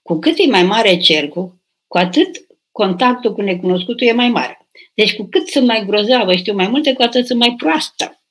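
Her voice sits a little high and is expressive, husky, and fairly bright. An older abbess streaming live, she voices viewers' questions and replies with emphatic urging, breaking into louder bursts at times.

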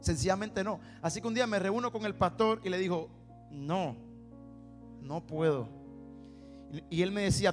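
A man with a Puerto Rican accent and a high voice, preaching in a church sanctuary with a long reverb trailing his words. He tells his testimony as a story, acts out both sides of each conversation and repeats words for weight. Soft instrumental music plays faintly underneath. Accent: Puerto Rican Spanish. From Puerto Rico. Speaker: preacher and singer. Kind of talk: sermon with personal testimony.

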